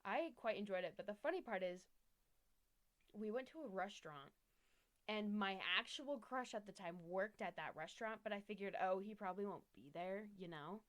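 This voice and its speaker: A woman's voice: mid-range voice, animated, moderate pace. Giggly young woman rambling a story. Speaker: podcast co-host. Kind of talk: casual chat.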